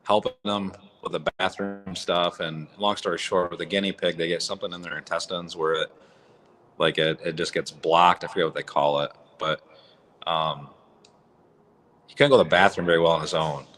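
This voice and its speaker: A man's voice: low voice, fairly even intonation, normal speed, fairly bright tone. A man hosting a casual livestream from a barn, his voice echoing, talking in a raw, blunt, rambling way. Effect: echoey barn sound. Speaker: livestream host. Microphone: phone or app mic.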